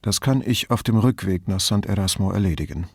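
A reflective middle-aged police commissioner, as a male reader plays him in an audiobook. He speaks in a measured, thoughtful way, in a slightly low voice. The recording is dry and close. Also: lively intonation, no room sound. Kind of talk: audiobook character reading.

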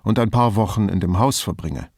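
A man reading an audiobook plays a reflective middle-aged police commissioner who talks in a measured, thoughtful way. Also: fairly low pitch, darkish tone, no echo, studio quality.

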